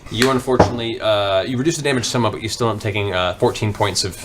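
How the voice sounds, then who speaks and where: Acting as game master, a man narrates a tabletop fantasy game dramatically and descriptively, with background music playing beneath his voice. His voice is on the low side and his pace is racing. The recording is very noisy.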